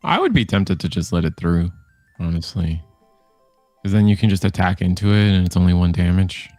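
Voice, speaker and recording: Chatty male co-caster, low voice, close dry sound, quick interjections. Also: animated, a little mellow, no echo, soft background music. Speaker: co-commentator. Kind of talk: casual live tournament commentary.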